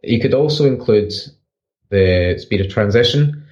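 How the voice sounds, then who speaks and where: A man co-hosting a podcast, explaining football tactics in rapid bursts with frequent restarts. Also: fairly low pitch, expressive, darkish tone, highs cut off. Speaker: podcast co-host, football analyst. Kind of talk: casual analytical chat.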